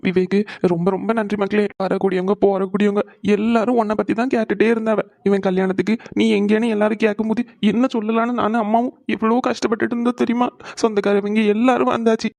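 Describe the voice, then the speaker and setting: A man's voice: high voice, steady tone, fairly quick, warm tone, no room sound, close to an everyday voice. A man voicing an emotional middle-aged father in a cartoon, pleading and tearful. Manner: pleading, calls his sons "people". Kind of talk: cartoon voice acting.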